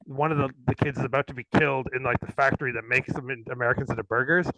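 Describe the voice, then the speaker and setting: A man's voice: medium pitch, steady tone, very fast, sharp tone, no echo, poor audio. A man co-hosting a casual livestream, chatting about movies in a rambling, laughing way, a little tipsy and swearing casually. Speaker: livestream co-host.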